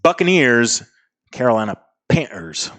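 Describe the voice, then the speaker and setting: A man's voice: medium pitch, very animated, a little slow, fairly bright tone. A man co-hosting a casual sports chat in a matter-of-fact, informal way. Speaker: podcast co-host.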